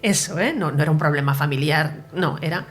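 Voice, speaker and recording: In an interview, a woman gives personal testimony about her near-death experience, earnest and emotional, sometimes dropping to a whisper. Her voice sits low and her pace is a little fast.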